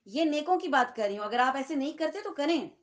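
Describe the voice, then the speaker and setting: A woman with a Pakistani Urdu accent teaches a Quran lesson in a room with listeners. Her voice sits a little high, and she keeps the talk conversational, often stopping to ask her audience short checking questions. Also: expressive. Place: lecture room with seated listeners.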